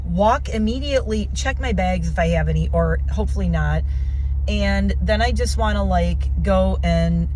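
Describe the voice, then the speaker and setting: An American woman chatting casually to camera inside a car, rambling and informal, often interrupting herself. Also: mid-range voice. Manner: rambling, animated self-interrupting, informal slangy talk. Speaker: vlogger. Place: inside a car while driving. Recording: loud car and road noise. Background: vehicle noise.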